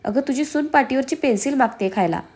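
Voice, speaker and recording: Exasperated teasing young husband, read by a woman, higher-pitched storybook voice. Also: fast talker, darkish tone, natural voice. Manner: fond teasing, exasperated outbursts.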